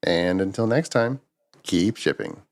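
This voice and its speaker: A man's voice: low voice, lively intonation, unhurried. A man hosting a podcast, chatting casually and asking his guest questions. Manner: conversational, asks questions. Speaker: podcast host. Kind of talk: casual interview talk.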